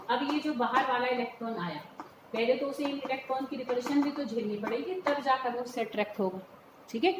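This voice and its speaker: Woman teacher, fairly high voice, patient explainer, echoey room with faint hum. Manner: patient, explains step by step, checks understanding by calling students "beta". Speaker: chemistry teacher. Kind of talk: classroom lecture mixing Hindi and English terms.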